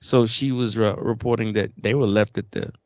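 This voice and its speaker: Emphatic man, low voice, dry sound. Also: fairly even intonation, normal speed, a little mellow, no echo, muffled recording. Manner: emphatic, rising to heated peaks. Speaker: podcast co-host. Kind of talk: casual discussion.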